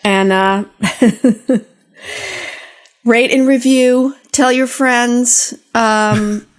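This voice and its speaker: The older woman hosting this podcast talks very slowly in a slightly high, clean voice with fairly even intonation. She relates personal anecdotes conversationally, speaking right to her listeners.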